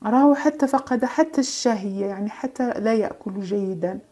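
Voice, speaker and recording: A woman giving a tarot card reading, in gentle, reassuring, drawn-out phrases with hesitations and French asides. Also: medium pitch. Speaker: tarot reader.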